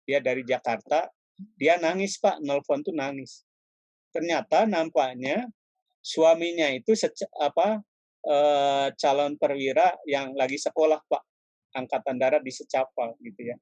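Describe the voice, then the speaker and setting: A man's voice: mid-range voice, darkish tone, dry recording, dull audio. A middle-aged man, a painter and art lecturer, telling stories from his life in a casual interview, laughing often and calling his listener "Pak" every few words. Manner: addresses the listener as "Pak" constantly, with frequent apologies.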